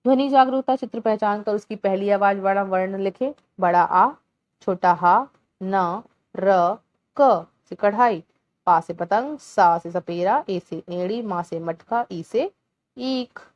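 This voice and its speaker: A woman teacher slowly walking young children through a Hindi workbook lesson, sounding out syllables clearly one by one. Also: mid-range voice, darkish tone, no room sound, highs cut off. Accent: Indian Hindi.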